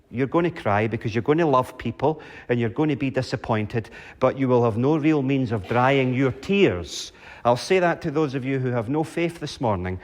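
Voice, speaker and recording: Preaching man in a reverberant church. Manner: dramatic pauses, rhetorical questions, wide swings of pitch and loudness. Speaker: pastor. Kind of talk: sermon.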